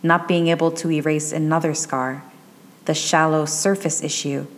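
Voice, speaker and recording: A woman narrating a fan fiction chapter in a measured, even storytelling delivery. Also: low-pitched. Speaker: audiobook narrator.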